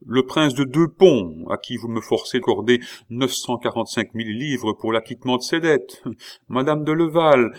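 A man voicing a calm, ironic king in an audiobook reading, humming and drawling before his lines. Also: mid-range voice, normal speed, lightly acted. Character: King Louis XVI, calm, dry, ironic middle-aged man.

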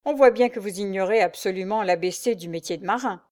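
A woman's voice: mid-range voice, fast talker, darkish tone, close to an everyday voice. A woman voicing a hot-tempered, proud male naval commander who speaks curtly and sarcastically in a read-aloud story. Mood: haughty. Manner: curt, sarcastic, imperious.

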